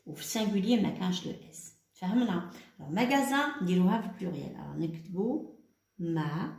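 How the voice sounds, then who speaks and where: A woman with an Algerian accent teaching children, explaining step by step and dictating words slowly. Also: lowish voice, lively intonation, vocal fry, a little mellow, echoey room. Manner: switches between French and Arabic, explains step by step; slow, deliberate dictation of words. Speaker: primary school teacher. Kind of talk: homework lesson for children.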